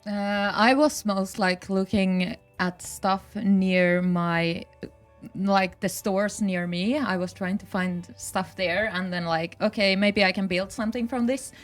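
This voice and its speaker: A woman's voice: mid-range voice, steady tone, slow pace, faint music behind. A woman guest in a casual chat who laughs a lot and agrees readily. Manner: giggly, agreeable, backchannels a lot.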